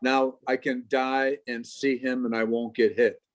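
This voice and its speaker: A man in his fifties, from Chicago, speaks at an everyday middle pitch as an interview guest. He is a professor who tells stories briskly, dropping jokes and asides as he goes. The sound is a plain video-call recording. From Chicago, United States. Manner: lively storyteller, quick asides and jokes.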